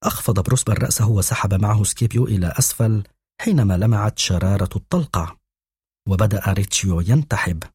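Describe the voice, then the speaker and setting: A man reading a children's novel aloud as an audiobook narrator, in a measured storytelling manner. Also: lowish voice, a little mellow, breathy edge, dry recording, studio quality. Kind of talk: scripted narration.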